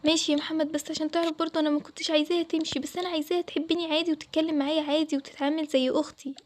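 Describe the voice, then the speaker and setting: A woman's voice: high-pitched, little pitch movement, racing, natural voice. A woman voicing a young bride who is upset and complaining, in an Egyptian accent. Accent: Egyptian Arabic. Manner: complaining, pleading. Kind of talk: Toca Boca roleplay voiceover.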